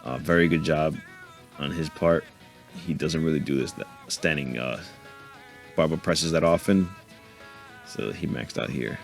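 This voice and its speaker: A man with a low, deep voice talks through his gym workout in a relaxed, joking way, laughing to himself now and then. Faint music plays under his voice-over. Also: unhurried, gravelly, long pauses. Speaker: fitness vlogger narrating his workout. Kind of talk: casual voice-over commentary.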